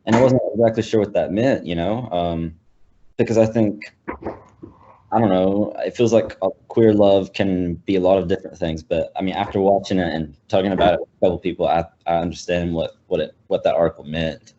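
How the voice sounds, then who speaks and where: Young man, very deep voice, dark tone, hesitant, filler-heavy, muffled lo-fi audio. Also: steady tone, a little fast. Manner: hesitant, lots of fillers and restarts. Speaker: college student panelist. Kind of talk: casual film discussion.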